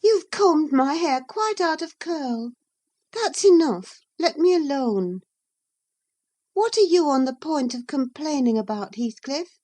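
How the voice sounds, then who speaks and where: A woman reader voicing a petulant, irritable young woman who sounds high-pitched and demanding. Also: lively intonation, slow, a little mellow. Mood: peevish.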